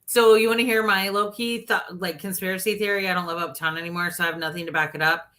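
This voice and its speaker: A woman's voice: on the low side, fairly even intonation, fast, bright, forceful tone. A woman hosting a sports podcast, talking candidly in a chatty way, full of "like" and "literally.". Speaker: podcast host. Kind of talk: casual sports chat.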